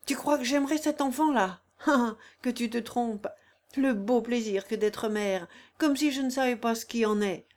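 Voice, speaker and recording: A woman's voice: mid-range voice, expressive, unhurried, darkish tone, close to an everyday voice. A woman voicing a fierce, robust singer in agonizing labor, cursing, defiant and cynical. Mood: bitter. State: in agonizing pain.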